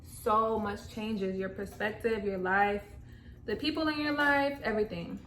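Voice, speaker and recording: A woman's voice: mid-range voice, unhurried, a bit bright. A woman in her twenties chatting casually while doing makeup, filling her talk with "like" and restarts. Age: 20s. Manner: chatty, lots of "like" fillers. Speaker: makeup vlogger. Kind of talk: casual chat. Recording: echoey room with faint noise.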